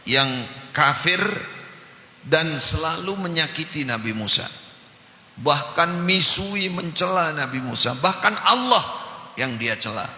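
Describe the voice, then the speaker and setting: A man's voice: on the high side, sharp tone. A man preaching a sermon in a mosque, earnest, with rising emphatic phrases. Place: mosque hall. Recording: echoey mosque hall.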